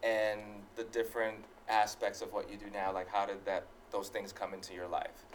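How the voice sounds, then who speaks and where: A man's voice: lowish voice, monotone, moderate pace, slight background noise. A man hosting a casual studio interview, talking conversationally in short bursts. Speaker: talk show host, interviewer.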